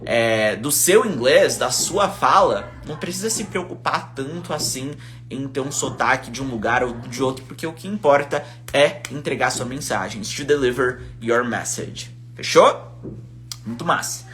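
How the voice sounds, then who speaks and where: A young Brazilian man, an English teacher, chatting casually on a live stream, reading out viewer comments in a relaxed, slangy way. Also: mid-range voice, moderate pace, slight background noise. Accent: Brazilian Portuguese. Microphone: phone.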